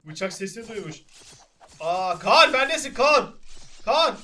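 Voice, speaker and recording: A young man giving excited, laughing commentary over an online game with friends. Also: high-pitched, a little slow. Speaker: gaming channel host.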